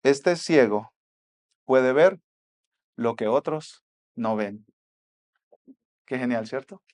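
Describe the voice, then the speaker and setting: Emphatic Mexican pastor preaching. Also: male voice, medium pitch, lively intonation, slow pace. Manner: emphatic, swinging between soft asides and loud exhortation. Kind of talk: sermon.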